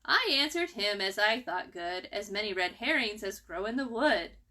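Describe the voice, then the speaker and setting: Woman voicing Nutkin, a bright, singsong cheeky squirrel. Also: medium pitch, expressive, moderate pace. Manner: singsong, taunting rhyme chanting. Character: cheeky, rude young male squirrel chanting riddles.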